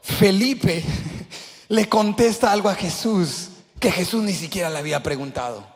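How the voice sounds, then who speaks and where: A male pastor preaching a sermon in a church sanctuary, passionate, swinging between shouts and hushed asides. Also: high voice, unhurried. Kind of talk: Spanish-language sermon. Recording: long church hall reverb.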